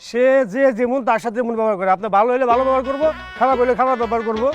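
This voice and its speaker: An actor playing a blunt, rude building caretaker who answers curtly. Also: male voice, very high-pitched, steady tone, racing, lo-fi sound, music in the background. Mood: brusque. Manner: brusque, curt.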